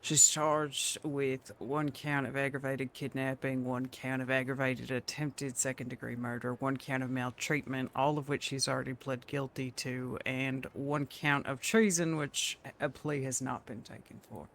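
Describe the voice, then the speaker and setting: A man's voice: mid-range voice, little pitch movement, measured pace, few pauses, fairly bright tone. A man playing a prosecutor in a role-play courtroom, formally reading out long lists of charges.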